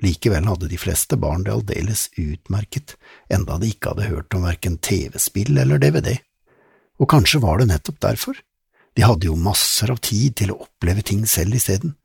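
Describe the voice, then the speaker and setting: A man narrating a children's audiobook in an expressive, suspenseful way. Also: on the low side, gravelly, husky, no echo, clean studio sound. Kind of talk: scripted narration.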